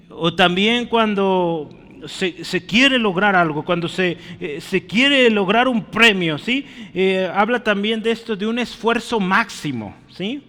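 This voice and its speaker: Guy preaching a bible lesson, kinda high voice, keeps checking ppl follow, echoey church hall sound. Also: fairly bright tone. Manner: explanatory, often checks understanding with "¿sí?"; addresses listeners as brother. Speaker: preacher teaching a Bible study. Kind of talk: teaching sermon.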